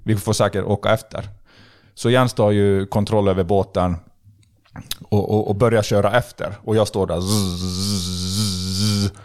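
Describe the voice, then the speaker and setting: Low-voiced man telling a fishing story. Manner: animated, acts out dialogue, lots of fillers and restarts. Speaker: podcast guest. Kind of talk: casual storytelling.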